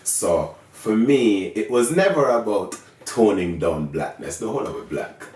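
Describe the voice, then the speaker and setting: Jamaican guy talking frankly bout his work, low-ish voice, mic a bit far off, echoey room. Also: unhurried. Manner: animated, acts out voices of others mid-sentence. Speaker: filmmaker and show creator. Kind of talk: candid interview talk. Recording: roomy sound, mic set back.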